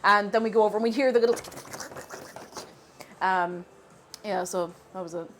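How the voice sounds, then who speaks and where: An Irish woman with a sniffly cold chats casually with viewers as she cooks on a live stream. Her medium-pitched voice moves at a normal speed, chatty and animated, and she thanks viewers warmly; there's a little hiss or hum in the audio.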